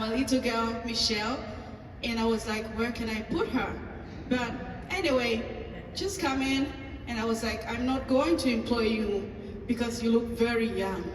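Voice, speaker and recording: Heard from a distance in a long, echoing hall with faint ambient noise, a woman pastor with a Tanzanian accent recounts a personal story at a table talk. Her voice is fairly high, and she acts out the dialogue while pausing on fillers.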